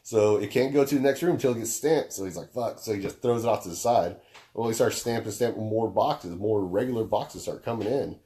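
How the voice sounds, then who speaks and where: A young man with a deep, low, mellow baritone co-hosts a podcast, chatting casually at a brisk pace. He's laid-back and swears freely as he works through long explanations.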